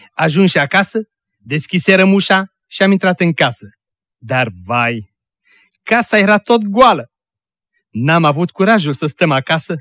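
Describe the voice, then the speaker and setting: A man narrating a religious story aloud, earnest and deliberate, with dramatic emphasis. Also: fairly high pitch, fairly bright tone, no room sound, clean studio sound. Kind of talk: reading a moral story aloud.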